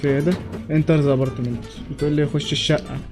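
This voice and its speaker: A man's voice: on the high side, steady tone, a little fast, over music. A young man with an Egyptian Arabic accent, commenting on his game playthrough in a jokey way and talking back to the characters. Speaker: gamer. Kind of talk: let's play commentary.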